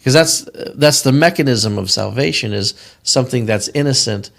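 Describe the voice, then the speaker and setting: A man's voice: mid-range voice, normal speed, creaky, fairly bright tone. A man co-hosting a casual Bible study discussion, explaining verses earnestly and thinking aloud with frequent restarts.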